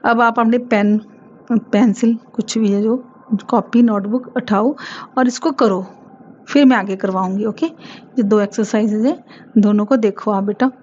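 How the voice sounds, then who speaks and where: A woman's voice: medium pitch, steady tone, unhurried, darkish tone, muffled recording, slight background noise. A woman with an Indian accent teaching a grammar lesson to children, patiently asking questions and repeating words. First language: Hindi.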